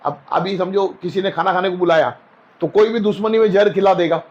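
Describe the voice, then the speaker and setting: A man's voice: high voice, steady tone, fairly quick, darkish tone, lo-fi sound. A man as a spiritual guest, telling homely anecdotes in a casual interview and acting out the voices in them. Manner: anecdotal, folksy, acts out quoted voices.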